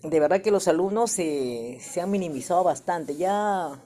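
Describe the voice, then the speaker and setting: A woman teacher in a staff workshop speaks with a lowish voice and a mellow, dark tone. She talks hesitantly, leaning on "este" and "¿no?" as she builds her point. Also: lively intonation, normal speed, a little hiss or hum. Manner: hesitant, many "este" fillers and "¿no?" tags.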